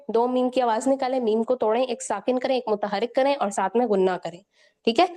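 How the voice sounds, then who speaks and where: A woman teaching Quran recitation rules, patiently spelling out letters and repeating each word slowly, often checking in with her students. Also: a little high, warm tone. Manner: frequent checking "theek hai". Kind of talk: step-by-step recitation lesson.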